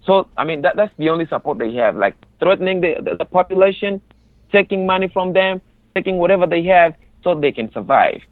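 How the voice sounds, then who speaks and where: A man's voice: sits high, lively intonation, no echo. Young Congolese man on a tinny phone line. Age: 20s. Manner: earnest, halting with many restarts. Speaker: guest. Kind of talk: interview about personal experience. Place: on a phone call.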